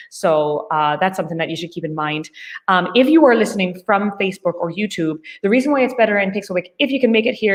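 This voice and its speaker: A woman co-hosting a livestream and giving casual, chatty announcements, her voice echoey as if she were in a cave. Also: medium pitch. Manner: relaxed, chatty, with fillers. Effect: echoey cave sound. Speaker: co-host of a virtual fair stream.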